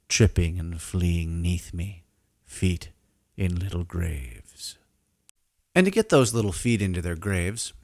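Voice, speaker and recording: A man tells scripted comic stories in a low voice that swings freely up and down. His delivery is wry, theatrical and mock-solemn. The recording is dry and close, like a podcast. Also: dry recording. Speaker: podcast host and storyteller. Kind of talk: scripted comic first-person narration.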